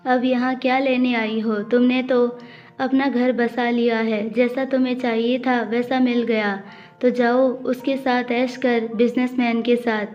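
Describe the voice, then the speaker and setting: A woman's voice: on the high side, flat delivery, unhurried, close to an everyday voice. Scornful scolding stepmother, read by a woman. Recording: dull audio with faint music.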